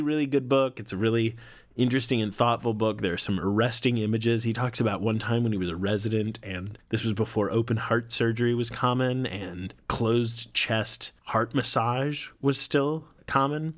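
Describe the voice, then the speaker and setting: A man co-hosting a podcast in casual chat, animated and profane, often laughing. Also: mid-range voice, moderate pace, no room sound. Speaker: podcast co-host.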